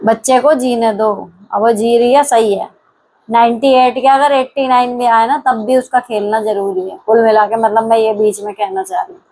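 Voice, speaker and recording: A woman's voice: on the high side, fairly even intonation, normal speed, mellow, low-quality recording. A middle-aged woman hosting a channel, giving casual, blunt advice in reply to viewer comments and talking straight to the viewer. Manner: mixes English words into her speech. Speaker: host answering viewer comments.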